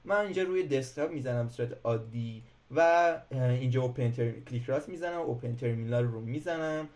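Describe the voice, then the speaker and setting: A man's voice: mid-range voice, darkish tone. A man teaching programming in a casual screen-recorded tutorial, talking hesitantly with many filler sounds and restarts. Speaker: programming instructor.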